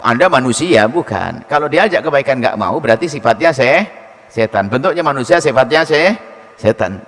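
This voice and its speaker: Man, preacher, sermon, teasing and animated, lively pitch, long hall echo. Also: moderate pace. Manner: lively and teasing, acting out husband and wife in high voices. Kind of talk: sermon answering questions.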